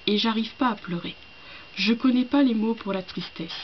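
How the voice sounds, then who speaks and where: A woman reading aloud the lines of a grieving young man who mourns his lover, slowly and earnestly, in a slightly dull home recording. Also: a little high, slight background noise, close to an everyday voice. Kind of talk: reading a play passage aloud.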